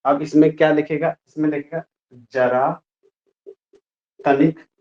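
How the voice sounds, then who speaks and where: A man teaching a grammar lesson to a class in a lively, playful way, often asking the students questions. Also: slow. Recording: muffled low-fidelity sound.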